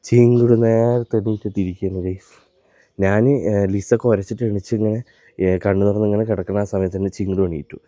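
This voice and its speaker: A man's voice: on the low side, mellow, no echo. A man vlogging on his phone at home in the morning, chatting straight to his viewers. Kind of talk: casual daily vlog narration. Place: family home, early morning. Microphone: handheld phone.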